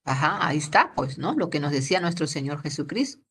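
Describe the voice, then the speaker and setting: A woman's voice: low voice, animated, a little fast, fairly bright tone, slightly rough. A middle-aged woman teaching a Bible lesson to teenagers over a video call, chatty and ending many sentences with a questioning "¿no?". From Peru. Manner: conversational, tags most sentences with a questioning "¿no?".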